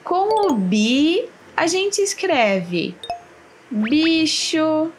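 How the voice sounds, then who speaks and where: A woman slowly teaching children their syllables, spelling out each word clearly with long pauses. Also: high-pitched, big pitch swings, slight background noise. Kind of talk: slow syllable lesson for children. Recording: faint music behind. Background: soft background music.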